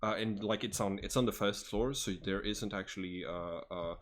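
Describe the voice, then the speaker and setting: A man's voice: on the low side, normal speed. A man running a tabletop game as game master, hesitant, with many fillers and restarts.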